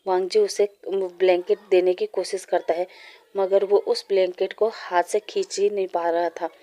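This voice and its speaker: A woman narrating a fan fiction story aloud in a steady, plain reading voice. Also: mid-range voice, moderate pace.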